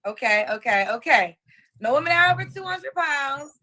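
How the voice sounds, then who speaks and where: Woman host, high voice, bright tone, brisk questions, repeats answers back. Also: animated. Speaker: host of a live dating interview. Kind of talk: live-stream interview.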